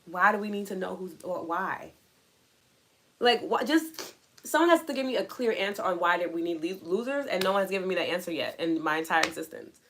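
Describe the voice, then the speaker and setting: A young adult woman hosting a spiritual coaching livestream, talking casually and earnestly, answering her chat and asking questions out loud. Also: on the low side, brisk, a little hiss or hum. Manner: earnest, questioning, animated asides.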